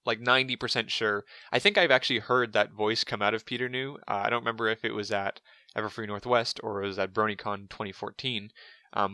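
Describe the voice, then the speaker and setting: A man's voice: fairly low pitch, sharp tone, dry recording. A man co-hosting a casual podcast, rambling with lots of fillers and restarts. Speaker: podcast co-host.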